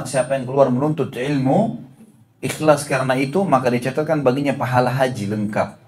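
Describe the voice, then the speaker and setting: A middle-aged man preaching at a religious study session, with a voice of ordinary middle pitch. He talks straight to his listeners and often repeats himself. He slows down to sound out Arabic letters one by one. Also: a little mellow. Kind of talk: Islamic study lecture.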